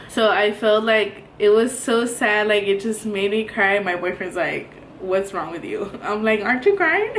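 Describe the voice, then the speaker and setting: A woman's voice: medium pitch, a bit bright. A young woman in her twenties chatting casually to camera as a beauty vlogger, rambling with many ums and likes. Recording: echoey room, faint noise.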